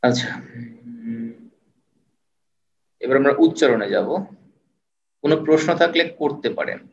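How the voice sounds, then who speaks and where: A man's voice: medium pitch, expressive. Patient male tutor on a distant mic. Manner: patient, repeats and spells out sounds slowly. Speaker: online tutor. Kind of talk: live online lecture. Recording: roomy, distant, dull sound.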